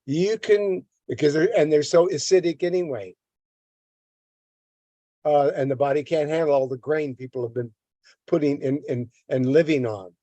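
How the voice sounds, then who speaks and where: Reading from a text during a health lesson, this older male educator keeps veering into lengthy rants at a government agency, tripping over words and repeating them. His voice is a little high and warm, at a moderate pace, in a dry recording.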